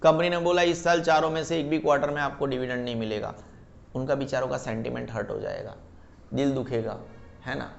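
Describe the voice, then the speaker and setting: A man teaching a class, reading English terms out slowly and checking that his students follow, calling them beta. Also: medium pitch, gravelly, muffled recording. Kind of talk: class lecture.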